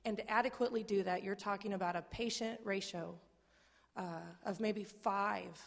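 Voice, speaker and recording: A woman with a croaky, froggy voice speaks up from the audience at a public talk. She is earnest and challenging as she makes her point off the cuff. The sound rings with the long reverb of a hall. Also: medium pitch, steady tone, normal speed. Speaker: audience member asking a question; healthcare worker. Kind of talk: spontaneous public comment.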